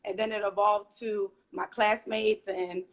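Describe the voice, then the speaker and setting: This medium-pitched female voice is flat and unhurried. She's a hairstylist and small business owner, born in Trinidad and Tobago but raised in Philadelphia with an American accent, appearing as a guest in a relaxed, friendly interview.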